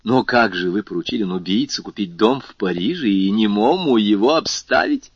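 A man voicing a lively, teasing young viscount in an audiobook, with a high, exclamatory delivery. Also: moderate pace, dry recording. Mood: excitable. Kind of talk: audiobook character voice. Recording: slightly muffled lo-fi recording.

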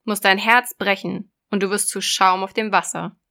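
A woman voicing a cruel, scheming old sea witch in a storybook reading, loud and sneering. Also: mid-range voice, steady tone, moderate pace. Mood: menacing, sneering.

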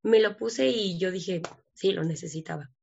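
A woman's voice: on the low side, normal speed, gravelly, darkish tone, dull audio, slight background noise. A woman, a guest telling her story earnestly and acting out the dialogue. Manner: earnest, emotional, acts out dialogue. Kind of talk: personal testimony in an interview.

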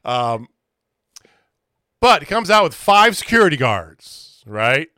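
Podcast guy telling the story, laughing a lot, really animated, clean dry sound. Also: fairly high pitch, slow pace, no room sound. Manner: animated storyteller, laughs often, acts out quotes. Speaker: podcast co-host. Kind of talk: casual wrestling recap chat.

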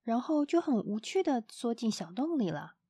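Lady reading a kids picture book aloud, warm soft tone, fairly high voice, dry close sound. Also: normal speed, breathy edge, dry recording. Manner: expressive, gentle storytelling. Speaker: storyteller. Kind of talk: children's storybook narration.

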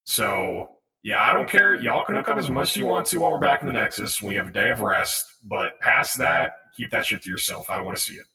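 A man's voice: lowish voice, big pitch swings, brisk, sharp tone, reverberant, poor audio. A man talking through a voice changer mixed with auto-tune, a tabletop game player roleplaying in blunt, teasing banter. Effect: voice changer filter mixed with auto-tune.

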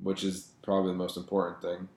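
Male host, relaxed sports talk, lowish voice, echoey room. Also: quick pace. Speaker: podcast host. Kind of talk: casual sports chat.

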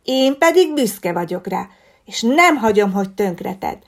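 A woman voicing an honest, stubborn little bear boy who speaks loudly and indignantly. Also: medium pitch, very animated.

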